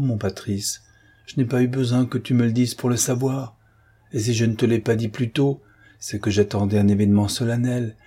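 A man reading the part of a young woman in love, soft and steady, in an audiobook. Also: medium pitch, husky, lightly acted.

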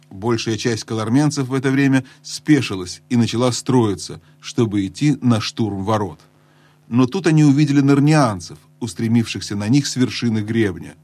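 A man reading a children's fantasy audiobook aloud in a measured storytelling voice that drops low and hushed in tense moments. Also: no echo. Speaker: audiobook narrator. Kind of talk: scripted storybook narration.

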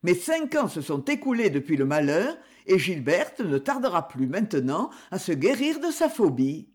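A woman's voice: fairly low pitch, big pitch swings, normal speed, a little mellow, husky. A woman voicing a worldly middle-aged aunt, a polished and gracious society hostess, in an audiobook reading. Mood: grave.

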